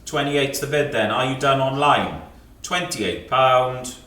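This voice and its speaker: A British antiques auctioneer calls lots in an indoor sale room, rattling off rising bids in clipped numbers and repeatedly prompting the room. His voice is medium-pitched and animated at a measured pace. The recording is very noisy and echoey, taken from a distant microphone.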